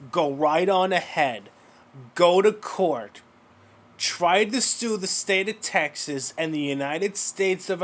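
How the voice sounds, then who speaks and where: A man's voice: on the high side, a bit bright. A man giving mocking reaction commentary, sarcastic and profane, lecturing the person in a clip.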